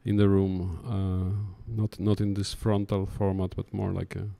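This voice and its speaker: A man's voice: low voice, completely flat delivery, unhurried, creaky, mellow. A man addressing a talk audience in loose, chatty remarks full of stammering restarts. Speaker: curator in conversation. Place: talk room before an audience.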